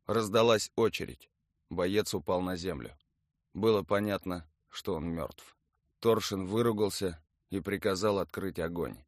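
Low-voiced male audiobook narrator. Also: no echo, studio quality. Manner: even, matter-of-fact storytelling. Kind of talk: scripted narration of a documentary book.

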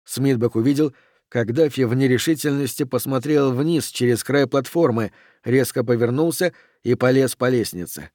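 A man narrating a thriller audiobook in a steady, measured reading. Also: medium pitch, no echo, studio quality.

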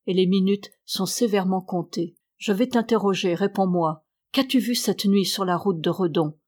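A woman voicing the ghost of a young nobleman, speaking briefly, imperiously and calmly in an audiobook reading. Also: mid-range voice, moderate pace, close to an everyday voice. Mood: commanding.

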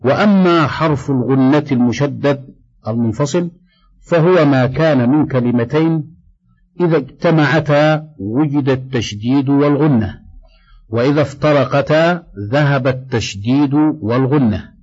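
A man reading a tajweed textbook aloud, steady and measured, slowing down to recite quoted verses. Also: medium pitch, husky, muffled recording. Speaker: Quran recitation teacher.

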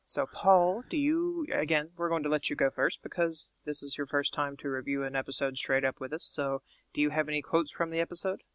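A man's voice: fairly high pitch, fairly even intonation, brisk, hardly any pauses, a bit bright, no room sound, muffled recording. A man co-hosting a podcast in a casual chat, often repeating words as he thinks. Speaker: podcast co-host.

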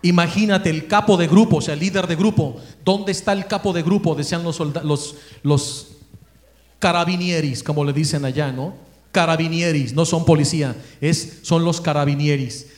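A man with a Mexican accent giving a religious talk, telling a story in a lively way and acting out the people he quotes. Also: on the high side, moderate pace, roomy sound. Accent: Mexican Spanish.

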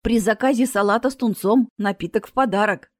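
A woman's voice: mid-range voice, fairly quick, darkish tone, no echo, clean studio sound, lightly acted. A woman voicing an eager, salesy male cafe manager. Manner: polite, salesy patter.

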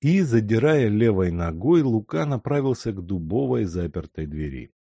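A man narrating a novel as an audiobook in an expressive reading voice. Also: lowish voice, normal speed, vocal fry, dry recording. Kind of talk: scripted narration.

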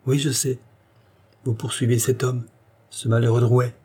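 A man's voice: medium pitch, little pitch movement, measured pace, mellow, breathy edge. A man voicing an anxious, tender queen who speaks in a pleading, reproachful way.

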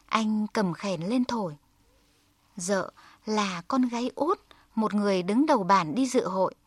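Slow, dry-voiced woman storyteller. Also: mid-range voice, no room sound. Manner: calm, measured storytelling. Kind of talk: folk tale narration.

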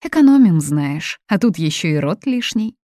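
A woman voicing a shrill, domineering older mother who scolds and screeches in indignation. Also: lively intonation, normal speed, darkish tone, no room sound, studio quality, lightly acted. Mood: sarcastic.

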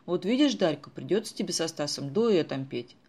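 A reader voicing a sharp-tongued teenage girl in a storybook who speaks in a sarcastic, indignant way. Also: medium pitch, expressive, moderate pace, husky.

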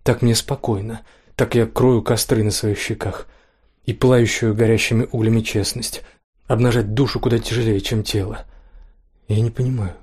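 Man, low husky voice, flat dark tone, quiet intimate story reading.

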